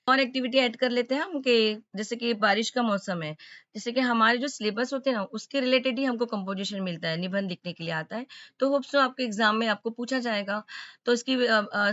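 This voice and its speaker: A woman's voice: a little high, a bit bright, no room sound, muffled recording. Patient woman teaching kids a lesson. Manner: patient, repeatedly checking understanding. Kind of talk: explaining a school lesson to children.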